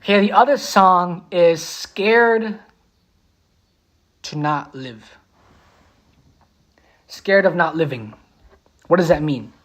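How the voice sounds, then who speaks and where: Slow-talking beatboxer on a livestream. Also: medium pitch. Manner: repeats titles slowly, hums melodies. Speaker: beatboxer and musician. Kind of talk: casual livestream chat.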